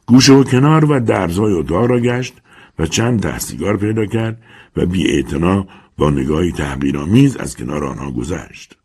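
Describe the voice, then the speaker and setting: Audiobook narrator: man, very deep husky voice, expressive dramatic storytelling.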